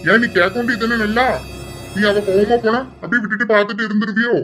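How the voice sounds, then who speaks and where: A woman's voice: a little high, fairly even intonation, quick pace, a bit bright, faint music behind, lightly acted. A woman voicing a stern but caring middle-aged father in an audio drama, speaking in an insistent, questioning way. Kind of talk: amateur audio drama acting.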